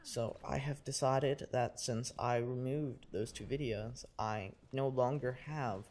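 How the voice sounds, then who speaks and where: A man's voice: mid-range voice, steady tone, slow pace, a little mellow. A young man, sick, rambling and joking crudely through casual game commentary as a gaming YouTuber.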